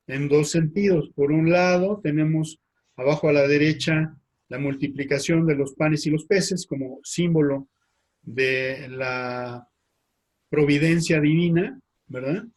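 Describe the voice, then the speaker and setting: A man, a priest with a Mexican Spanish accent, giving a slide lecture, speaking haltingly with frequent fillers and tag questions. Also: a little high. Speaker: priest teaching.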